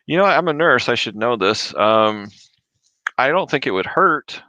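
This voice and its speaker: A man's voice: medium pitch, animated, measured pace, pushed and bright, dry recording, highs cut off. A man from Michigan hosting a casual livestream, chatting with viewers and answering their reselling questions while he eats. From Michigan, USA. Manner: chatty, reads viewer comments aloud, chews while talking. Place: his home. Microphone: desk microphone. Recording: dry close mic, drops off when mic moved away.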